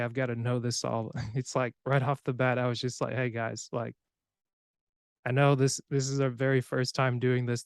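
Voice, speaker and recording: A young man from Cameroon, raised in the United States, hosting a podcast in a relaxed, rambling way. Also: mid-range voice, smooth, dry recording. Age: young adult. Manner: relaxed, rambling, with filler words and laughs. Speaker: podcast host. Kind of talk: casual conversation.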